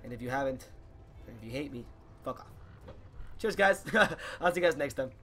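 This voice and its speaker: Hoarse raspy male game caster. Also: medium pitch, a little hiss or hum. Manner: builds to fast excited shouting during fights. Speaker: esports caster. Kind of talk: live game commentary.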